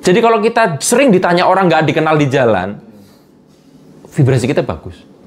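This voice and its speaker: A man's voice: fairly high pitch, lively intonation, brisk. A man in a casual interview, explaining with everyday examples and chuckling often. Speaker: guest speaker on vibration and energy.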